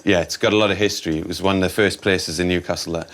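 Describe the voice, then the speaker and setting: Male barista, very low voice, easygoing, hesitant explanations. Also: quick pace. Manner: relaxed, hesitant with fillers. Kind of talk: casual interview. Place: coffee shop.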